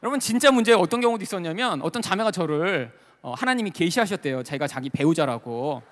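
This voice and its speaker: A man preaching a sermon as a pastor, telling a personal story with animated, emotional delivery and lots of fillers. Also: high voice, fast talker. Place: large worship hall at a retreat. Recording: long reverb of a large hall.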